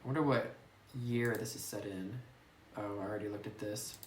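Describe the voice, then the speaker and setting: Rumbling low with fairly even intonation, a woman who makes gaming videos talks at a moderate pace, giggling and musing as she reads the game's text aloud. The recording, made on a phone, is roomy with faint hiss.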